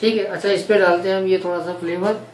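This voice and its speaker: A man's voice: high-pitched, fairly even intonation, quick pace. Chatty man in a roomy kitchen. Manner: chatty, repeats points to viewers. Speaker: cooking channel co-host. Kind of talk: casual cooking demo chat. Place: home kitchen. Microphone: far camera. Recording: roomy kitchen sound from a distance, faint noise.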